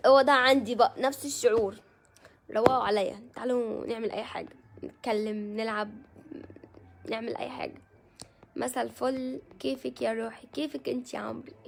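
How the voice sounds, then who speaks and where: A woman's voice: fairly high pitch, vocal fry, a little hiss or hum. An Egyptian woman hosting a casual live stream, chatting with viewers and greeting them by name. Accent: Egyptian Arabic.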